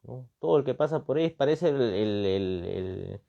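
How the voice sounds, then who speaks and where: In a gravelly, medium-pitched voice at a moderate pace, this animated Peruvian commentator on politics and constitutional matters speaks with a Peruvian accent. His spontaneous analysis features emphatic repetition and rhetorical questions sprinkled with tag words, and the audio sounds dull.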